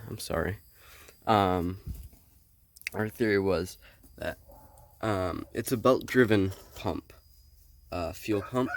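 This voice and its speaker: Slow, low-voiced young man full of ums. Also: no echo. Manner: halting, filled with ums. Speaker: homesteading vlogger. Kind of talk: casual how-to explanation. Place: outdoors beside a truck. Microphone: phone held while filming.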